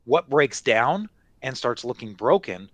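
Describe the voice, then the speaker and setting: A man's voice: mid-range voice, big pitch swings, unhurried, no echo. Conversational male stock market analyst, dry recording. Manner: conversational, explanatory, peppered with "you know" and "right?". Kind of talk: unscripted market commentary.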